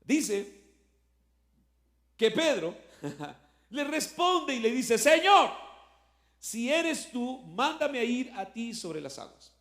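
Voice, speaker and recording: A man's voice: very high-pitched, sing-song, slow pace, pauses often, a bit bright, roomy sound. A male pastor, preaching a sermon in a conversational way, full of rhetorical questions, and rising in force when he quotes scripture. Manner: voice swells when quoting scripture.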